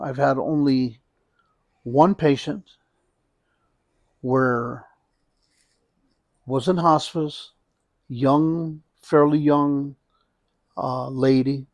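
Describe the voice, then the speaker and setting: A man speaking as a hospice nurse in a conversational interview, reflecting haltingly and often repeating and rephrasing his phrases. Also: mid-range voice, steady tone, dry recording.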